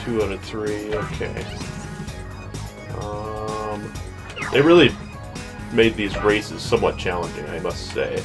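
Low-voiced young man over game music. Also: takes it slowly, long pauses. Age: young adult. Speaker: let's play host. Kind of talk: casual gameplay commentary. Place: small bedroom at home. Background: video game music.

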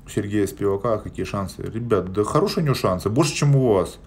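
A forties-aged man talks fast and animatedly, his fairly low voice carrying a darkish tone. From a small indoor room he answers live-stream viewers bluntly, hesitating frequently along the way. Recorded on a phone at arm's length, the audio has a bit of hiss or hum.

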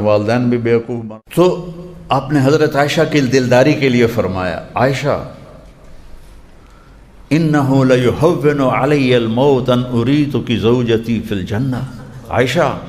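A man preaching a religious sermon, telling stories and slowing down to recite quotations in short repeated phrases. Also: mid-range voice, a little mellow, a little hiss or hum. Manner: storytelling, slows down to recite quotations. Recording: long hall reverb.

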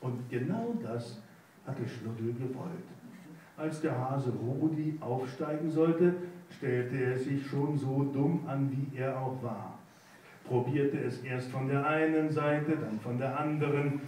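A man reading a children's story aloud at sight, unhurried and playful. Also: medium pitch, a little mellow, slight background noise. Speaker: reader. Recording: echoey room, mic far off.

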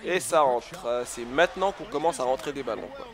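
A man's voice: mid-range voice, moderate pace. A man giving live commentary over a basketball video game, egging on his team and scolding himself when plays go wrong. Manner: excitable, swings between cheering and cursing frustration; coaches his teammates aloud, self-critical. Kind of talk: live let's-play commentary.

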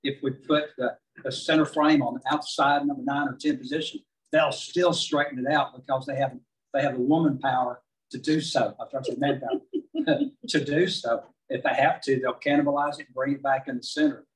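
A middle-aged man with a Texan accent giving a beekeeping club presentation, measured and dotted with fillers. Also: mid-range voice, level tone. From southeast Texas. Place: large meeting hall with projector. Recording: distant room recording.

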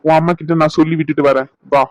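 A man's voice: on the high side, little pitch movement, quick pace, a little mellow, dry recording, natural voice, poor audio. A man voicing a young husband in a cartoon who insists firmly but coaxes affectionately. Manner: firm, coaxing, insistent.

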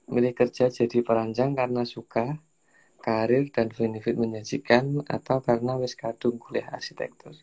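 A young man, hosting a casual interview in a relaxed, joking way. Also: mid-range voice, normal speed. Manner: relaxed, joking, slips into Javanese slang. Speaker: host.

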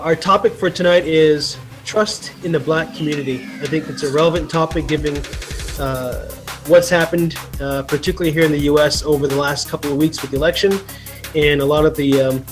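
A man's voice: a little high, fairly even intonation, faint music behind. Middle-aged man hosting a video call. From Canada. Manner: measured, halting with many fillers. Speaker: host. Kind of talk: video call panel discussion. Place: small room at home. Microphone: headphones on a video call.

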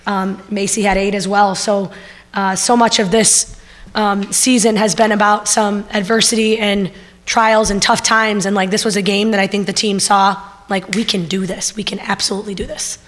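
A woman's voice: mid-range voice, normal speed. A middle-aged woman head coach speaking earnestly at a postgame press conference from a table mic. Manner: steady, earnest, many fillers. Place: press room. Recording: long reverb in press room.

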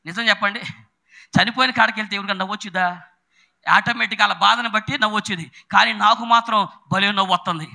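High-voiced shouting preacher man. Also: fairly even intonation, quick pace, gravelly. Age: middle-aged. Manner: shouts bursts, then drops into storytelling. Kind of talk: sermon.

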